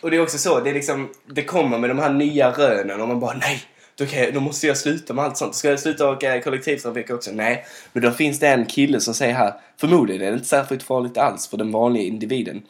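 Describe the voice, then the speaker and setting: A man co-hosting a podcast, chatting casually with dry, wry remarks. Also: mid-range voice. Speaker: podcast co-host. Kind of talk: casual chat.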